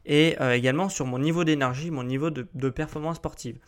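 A man hosting a solo podcast in a relaxed, rambling way, with many hesitations and fillers. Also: on the high side, fairly quick. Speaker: podcast host. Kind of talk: casual solo podcast talk.

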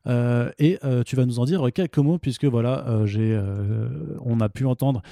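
Dark-voiced hesitant French man. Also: mid-range voice, normal speed, no echo, clean studio sound. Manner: hesitant, many fillers and restarts, playful teasing. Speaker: podcast host. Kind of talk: casual comics review chat.

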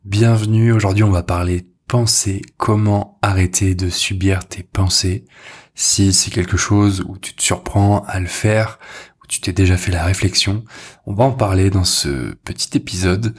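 A man's voice: sits low, husky. A man hosting his own podcast, talking informally and directly to the listener, with fillers like "euh" and "bah". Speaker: podcast host. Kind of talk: solo podcast talk.

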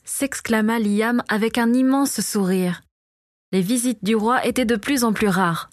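A woman reading a fantasy novel aloud as narrator, in a steady storytelling voice, close to the mic. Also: fairly high pitch, a little slow, no room sound. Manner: steady, even storytelling read. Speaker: audiobook narrator. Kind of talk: scripted narration.

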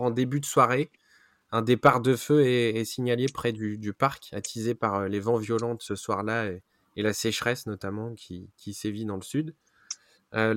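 A man's voice: fairly low pitch, dry recording. French guy doing zoo news on a podcast, lots of euhs and restarts, dry close sound. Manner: frequent hesitations and self-corrections. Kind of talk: casual news roundup.

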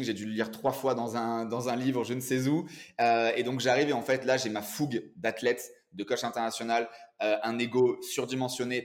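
A man in his forties, a guest entrepreneur and coach, telling his story in a casual interview with lively energy. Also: medium pitch. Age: 40s.

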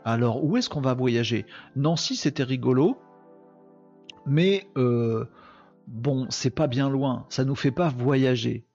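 A man hosting a casual live stream, reading viewer comments and chatting in an animated way. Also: medium pitch, slow, dull audio, soft background music.

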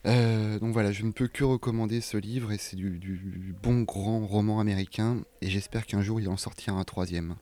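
Chatty man bookseller with a low voice. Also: fairly even intonation, moderate pace, hardly any pauses, mellow, no room sound. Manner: chatty, hesitant, self-mocking. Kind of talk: casual book recommendation.

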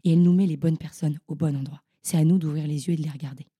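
Low-voiced young woman telling stories. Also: quick pace, breathy edge. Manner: animated, slangy storyteller. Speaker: podcast guest. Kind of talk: casual storytelling interview.

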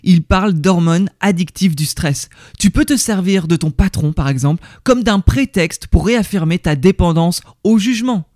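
A man's voice: high-pitched, a little mellow, dry recording, studio quality. A man talking casually and directly to the listener, often hesitating and repeating words as he explains what he learned at a seminar. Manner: chatty, addresses the listener directly. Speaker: vlogger reviewing a seminar. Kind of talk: casual talk to the viewer.

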